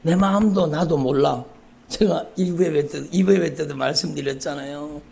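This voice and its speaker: A male pastor delivering a sermon with a gravelly, fry-edged voice that sits a little high for a man. He drives his points home through repeated phrases and swings between hushed prayer and loud, fervent outbursts. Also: normal speed. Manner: emphatic repetition, rising to loud fervent outbursts. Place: church sanctuary.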